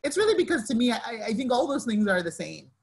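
A Nigerian-raised fashion designer in her thirties joins a casual panel conversation on a video call from her living room, heard through a laptop webcam. Her slightly rough, a little high voice moves quickly, and she's animated, talking with her hands and full of "likes" and restarts.

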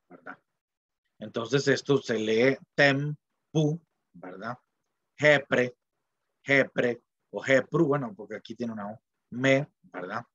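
A man's voice: medium pitch, fairly bright tone, dry recording. A middle-aged man, lecturing in a loose, digressive way with frequent tag questions and fillers. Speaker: professor. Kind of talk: informal university lecture. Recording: dull, dry lo-fi lecture audio.

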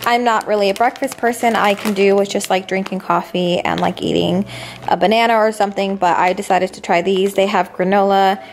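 This grocery haul vlogger, a young adult woman, keeps things chatty and full of slang. Her mid-range voice is fairly even in intonation and moves a little fast.

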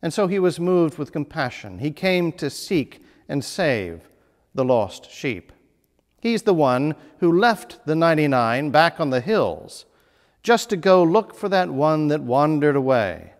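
A man, a priest preaching a measured sermon in a small stone-walled chapel. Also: a little high. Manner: measured, lively preaching with emphatic phrasing. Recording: long reverb of a church hall.

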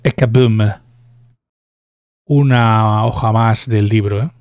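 A man's voice: fairly low pitch, steady tone, takes it slowly, a little mellow, dry recording, faint music behind. A man from Spain giving casual, chatty let's play commentary, swearing and tossing in tag questions. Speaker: gaming youtuber.

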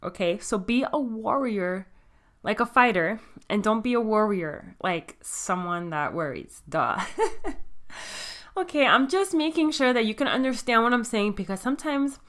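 A woman's voice: a little high, expressive, normal speed, a bit bright. A woman with a Miami American accent hosting a solo podcast, explaining things plainly in a scripted but conversational way. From Miami, United States. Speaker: podcast host.

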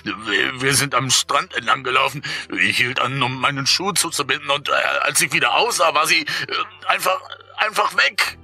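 Man putting on a desperate old man in his eighties, high strained voice, stammering, crying, pleading, horror audiobook. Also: normal speed, pushed and bright, breathy edge, exaggerated voice. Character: frantic grief-stricken old man over eighty.

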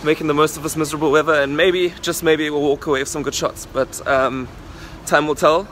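A photography vlogger in his thirties films himself at arm's length at night on a rainy city rooftop and street, talking upbeat and quick to the camera about his photo setup. His voice sits on the high side with a steady tone. Loud wind, rain and traffic fill the outdoor recording.

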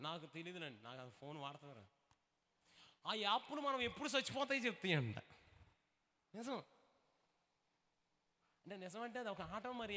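High-voiced preacher in a reverberant hall. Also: male voice. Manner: animated, acts out dialogues in put-on voices, calls for responses. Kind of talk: revival sermon with comic asides.

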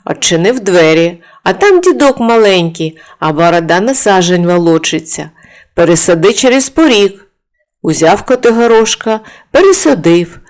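A woman narrating a folk fairy tale for an audiobook with expressive storytelling. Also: lowish voice, normal speed.

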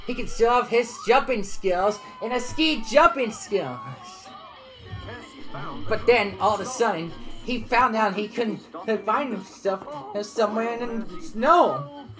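A synthetic woman's voice narrating a fan cartoon in an even, plain reading, with music faintly under it. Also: on the high side, slow. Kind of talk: storybook narration.

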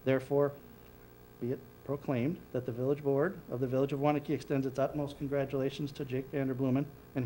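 A man's voice: medium pitch, warm tone, a little hiss or hum, low-quality recording. Man reading a formal proclamation. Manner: formal reading with small slips and self-corrections. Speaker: village board president. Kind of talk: reading proclamations at a council meeting. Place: village board meeting room. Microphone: podium microphone.

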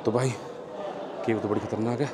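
A man's voice: fairly low pitch, steady tone, brisk. A man filming a casual travel vlog as he walks a tourist cave, chatting and pointing things out to his viewers. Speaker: travel vlogger. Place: inside a busy tourist cave. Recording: crowd chatter behind. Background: crowd of tourists.

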